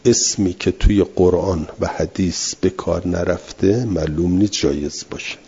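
Low husky male teacher, lo-fi recording. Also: dark tone. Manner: reads text aloud, then explains it patiently with repetition; answers students' questions directly. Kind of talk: classroom lecture on scripture. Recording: dull lo-fi recording.

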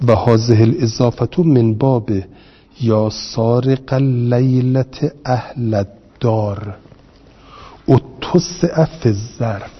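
A man with a husky voice leads a classroom grammar lesson. He works slowly, repeating each term and asking his students rhetorical questions. His voice carries a long reverb on a dull, lo-fi recording. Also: mid-range voice. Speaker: teacher.

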